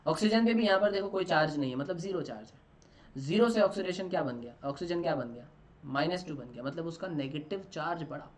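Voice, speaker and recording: A man teaching a chemistry class for an exam, in Hindi mixed with English phrases. He keeps asking the class questions and answers them himself, repeating key terms, and lets each answer word drop low and soft. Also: expressive, fairly quick. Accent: Marathi-influenced Indian. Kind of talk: online exam-prep lecture.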